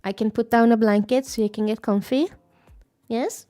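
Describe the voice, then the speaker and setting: A woman VTuber chatting casually on a live stream, playful and rambling, with sudden squeaky greetings. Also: fairly even intonation, normal speed, mellow. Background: faint background music.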